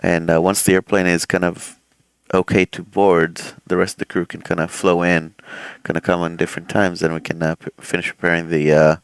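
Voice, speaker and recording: A smooth, low-pitched male voice moves fairly quickly in a dry recording as this airline pilot streams flight simulation. Between cockpit checks he chats in a relaxed, rambling way with plenty of fillers, sounding a little swollen in the throat.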